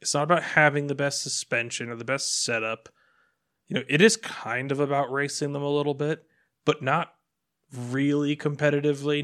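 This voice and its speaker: A man co-hosting a motorcycle podcast in casual chat, animated and acting out little quotes as he talks. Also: mid-range voice. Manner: animated, acts out quotes, restarts often. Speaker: podcast co-host.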